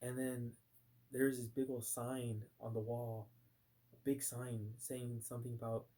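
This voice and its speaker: A man's voice: mid-range voice, little pitch movement, a little slow, warm tone. A man telling a personal story in a casual, rambling way, full of fillers and restarts, sometimes acting out his past reactions. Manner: voices his own past reactions in bursts. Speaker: vlogger recounting a nightmare.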